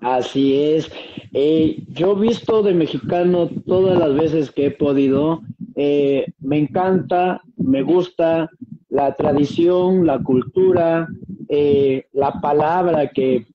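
A young man with a fairly high voice and a Peruvian Spanish accent answers interview questions at a slow pace, polite and hesitant. He is a guest singer from Peru joining by webcam from a small room at home. The video-call audio is dull and dry, with a little hiss or hum.

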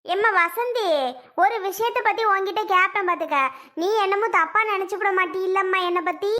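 A woman narrates a comic village skit and plays the elder sister herself. Her voice is very high and bright, and she talks in a coaxing, exasperated way. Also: steady tone, brisk.

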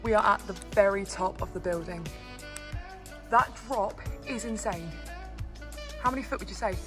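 A woman vlogging as she explores, chatty and easily excited, out of breath from climbing and laughing often. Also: medium pitch, moderate pace, music in the background. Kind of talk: casual vlog narration while exploring.

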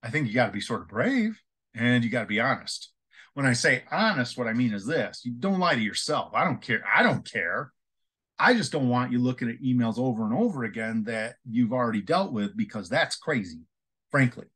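A man's voice: medium pitch, big pitch swings, a little fast, a bit bright, breathy edge. A middle-aged man who teaches email management, chatting to camera and acting out both sides of a remembered conversation. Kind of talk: casual talking-head video.

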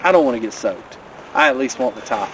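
A man in his thirties talks through hiking gear in a friendly, practical way, standing by a river in a mountain valley. The camera sits a few steps off, and clear outdoor noise runs behind his voice. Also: medium pitch, lively intonation, brisk, a bit bright, low-quality recording. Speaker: vlogger. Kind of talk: casual outdoor gear rundown. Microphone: camera a few steps away.

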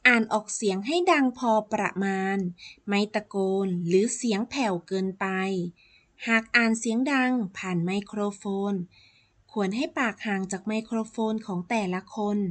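A woman teacher reading a lesson for children in a slow, careful way. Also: mid-range voice.

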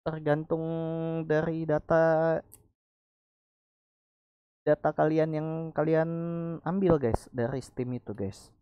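A man's voice: a little high, steady tone, slow pace, pauses often, clean tone, no echo. A man with a colloquial Jakarta Indonesian accent who can't roll his r's, chatting casually through a screen-recorded tutorial. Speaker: tutorial presenter. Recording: dull, lo-fi microphone.

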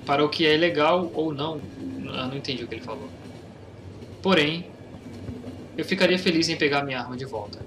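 Excitable Brazilian gamer over game noise. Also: male voice, a little high, brisk, pauses often. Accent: Brazilian Portuguese. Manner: casual slangy, reads game dialogue aloud, excitable during fights. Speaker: gameplay youtuber. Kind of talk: let's play commentary. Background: train and game sounds.

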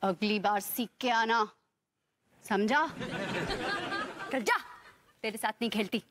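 A woman's voice: a little high, slow, over a noisy crowd, heavy background noise. An actress playing a grown woman acting like a bossy little girl, talking in a childish singsong way. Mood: mocking. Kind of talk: TV sitcom acting.

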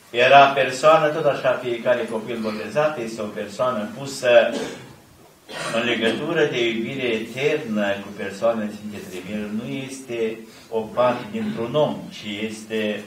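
An older priest reading a sermon from a lectern in measured, solemn phrases, with pauses between them. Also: male voice, medium pitch, fairly bright tone, a little hiss or hum. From Romania. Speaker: archimandrite preaching. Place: large ornate church, indoors. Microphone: camera at a distance. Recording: echoey church heard from a distance.

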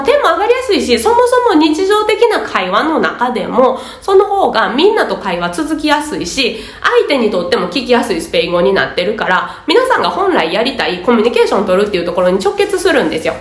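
A woman's voice: a little high, echoey room. A woman with a Kansai Japanese accent, a Spanish teacher giving a chatty, emphatic lesson, laughing often. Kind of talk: casual teaching talk.

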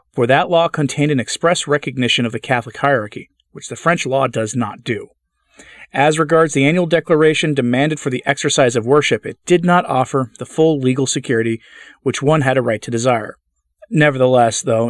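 A man reading a formal church letter aloud in a measured, deliberate way, now and then stumbling and restarting a word. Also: mid-range voice, no room sound, clean studio sound. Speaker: channel host reading a papal letter aloud.

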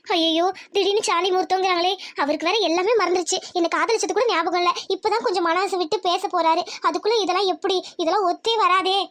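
A woman voicing a meek, anxious young village wife in a cartoon, pleading softly. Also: very high-pitched, fairly even intonation, quick pace.

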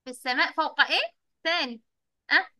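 A young woman with an Egyptian accent leads young children through an online lesson over video, coaxing them with repeated questions and praise for each answer. She talks at a quick pace in a high, bright, forceful voice, with no room sound.

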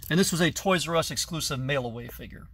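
A man's voice: on the high side, fast talker, fairly bright tone. Chatty man touring his toy basement. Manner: chatty, detailed, grateful. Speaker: collector showing his toy collection. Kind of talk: casual collection tour. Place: basement full of toys, indoors. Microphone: phone camera held at arm's length.

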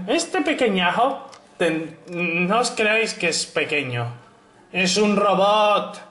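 A young man narrates his puzzle game playthrough in a high, light voice. He takes his time between remarks, cracking jokes and humming silly syllables while he plays. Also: fairly bright tone. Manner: playful, hums and sings nonsense syllables, jokey asides. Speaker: gameplay narrator. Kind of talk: narrated let's play commentary.

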